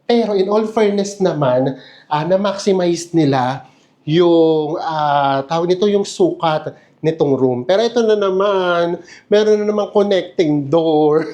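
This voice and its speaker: Chatty high-voiced man. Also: measured pace, mellow. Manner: chatty, laughs often, playful asides. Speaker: travel vlogger. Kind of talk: casual hotel room tour. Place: hotel room.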